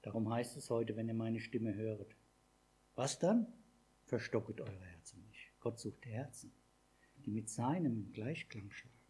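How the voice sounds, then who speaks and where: A man's voice: on the low side, measured pace, warm tone, husky. A man preaching a sermon, talking conversationally and asking the congregation questions.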